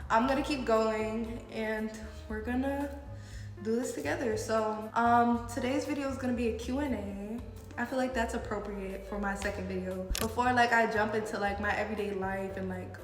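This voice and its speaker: A woman's voice: on the high side, fairly even intonation, normal speed. A young woman from the United States with a cold and a stuffy, blocked nose, chatting casually and informally as she answers questions for a vlog. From United States, partly New York City. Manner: informal, frequent "like". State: sick with a head cold. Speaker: video blogger. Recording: echoey reverberant room with music.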